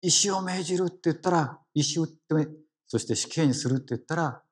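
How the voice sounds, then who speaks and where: A man's voice: mid-range voice, a little mellow, breathy edge. A man with a Kansai accent giving a conversational sermon as a lay preacher, engaging the congregation with questions. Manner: engaging, asks the congregation questions, frequent "ne" tags.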